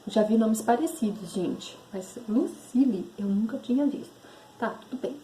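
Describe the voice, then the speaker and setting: Woman, 30s, deep mellow tone, chatty rambling storyteller who corrects herself. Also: expressive, normal speed, slight background noise, rough recording. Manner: rambling, self-correcting, re-enacts inner voices. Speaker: spiritual channel host. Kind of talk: casual personal storytelling.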